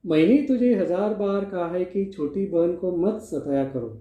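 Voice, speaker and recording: A man's voice: high-pitched, expressive, a little slow. A man reading as a stern scolding mother. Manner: reads lines out from a textbook play. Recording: echoey room, phone-like sound.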